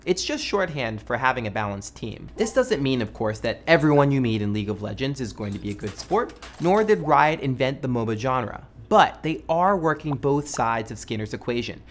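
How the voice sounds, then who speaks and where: A medium-pitched male voice with big pitch swings moves at normal speed and rarely pauses, over a little hiss or hum. He's an American web show host in his thirties delivering a scripted video essay to camera, emphatic, wry and chatty in tone. The setting is a small indoor studio with a music bed.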